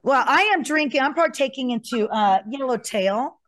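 A woman with a somewhat high voice in a dry recording. She co-hosts casually, playful and excitable, using slang and repeating phrases for emphasis. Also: moderate pace, dry recording. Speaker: podcast co-host. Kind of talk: casual chat.

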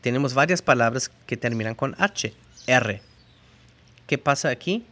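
A man explains pronunciation to learners in a bright, forceful, mid-range voice with lively intonation. As a language teacher, he demonstrates sounds and spelling slowly and carefully.

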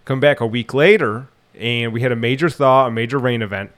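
Here a man in his thirties, host of an outdoors podcast, chats casually in a medium-pitched, fairly bright voice that moves a little fast. A head cold leaves him nasal, and his long stories ramble along with restarts.

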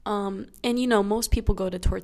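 A woman's voice: mid-range voice, fairly even intonation, a little fast, mellow. A young woman hosting a casual solo podcast in a groggy morning voice, telling a travel story in a chatty, self-deprecating way on a clip-on mic in a small study room. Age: young adult. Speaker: podcast host. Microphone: small clip-on lapel mic.

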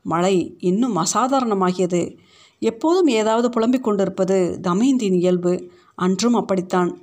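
A woman's voice: medium pitch, moderate pace. Woman reading a short story. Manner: steady, reflective reading. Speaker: story reader. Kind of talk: scripted narration.

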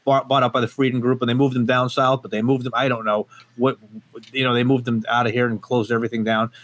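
A man with a mid-range, slightly bright voice speaks quickly and with little pitch movement as a guest from a gun company on a casual podcast. He was born in Portugal, raised in the United States, and talks emphatically with plenty of fillers and restarts.

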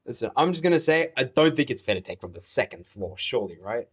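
A young man co-hosting a casual podcast outdoors, rambling and trailing off into quiet asides. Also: medium pitch, big pitch swings, quick pace, husky. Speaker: podcast co-host. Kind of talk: casual chat over a game. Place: outdoors in a neighborhood. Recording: slightly dull audio.

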